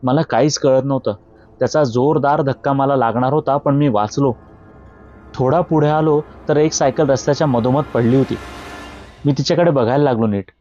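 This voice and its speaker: A man narrating a scripted horror story in a steady, measured way, with faint music behind. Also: medium pitch, dull audio.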